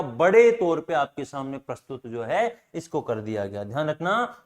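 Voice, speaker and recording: A man teaching a library science class, asking questions aloud and answering them himself, repeating key points for students to remember. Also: on the high side. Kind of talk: classroom lecture.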